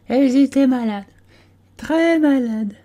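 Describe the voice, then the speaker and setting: A man voicing a sleepy male dormouse in a storybook, with a faint, hoarse voice and a slow, drawn-out way of talking. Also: very high-pitched, warm tone, voice pushed up. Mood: drowsy. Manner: drowsy, drawn-out.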